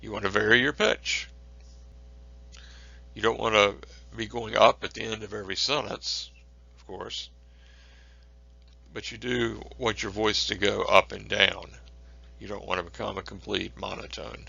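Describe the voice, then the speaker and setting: Male instructor, lower pitch, bright forceful tone, measured delivery with fillers. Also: flat delivery, vocal fry, husky, no echo. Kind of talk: recorded lecture. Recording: dull lo-fi recording.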